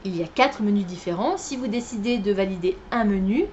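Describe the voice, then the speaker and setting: A woman's voice: medium pitch, brisk, darkish tone, muffled recording, slight background noise. A tired woman chatting casually about her reading list as a book vlogger, with many fillers and self-corrections. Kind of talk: casual chat.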